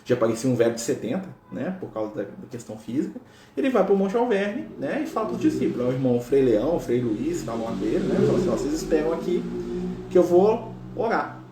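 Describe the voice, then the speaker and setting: In a roomy, echoing space with a noisy background, a Brazilian spiritual speaker chats through a religious story, frequently adding tag questions. He has a Brazilian Portuguese accent and a mid-range, creaky voice, and he speaks very animatedly at a quick pace.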